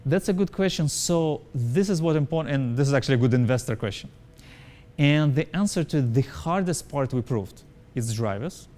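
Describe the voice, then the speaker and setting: A company founder who speaks English as a second language answers interview questions emphatically, repeating his points and checking in with "right?". His mid-range voice is warm and animated, at a moderate pace.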